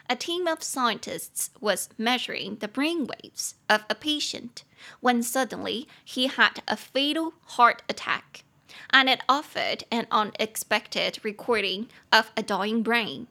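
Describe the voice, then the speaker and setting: A young woman hosts a podcast English lesson in a chatty, explanatory way, slowing down to spell each word out. Her voice sits a little high and rings bright and sharp. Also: lively intonation. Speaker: English teacher and podcast host.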